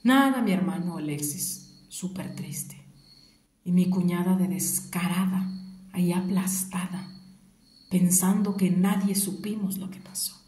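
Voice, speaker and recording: Woman, hushed whispered storytelling, grieving, mellow tone, roomy echo. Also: fairly low pitch, measured pace. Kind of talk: personal story told to an audience.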